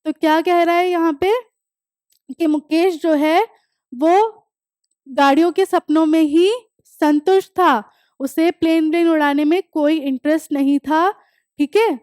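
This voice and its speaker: High-voiced woman teaching English. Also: steady tone, darkish tone, no echo, clean studio sound. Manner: reads English text slowly, then explains in Hindi; drills pronunciation, repeating words. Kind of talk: classroom lecture explaining a textbook chapter.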